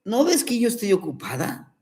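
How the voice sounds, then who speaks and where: A man's voice: high-pitched, huge pitch swings, moderate pace, a little mellow, voice pushed up. Man doing a dismissive telenovela-loving mother caterpillar. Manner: dismissive, impatient.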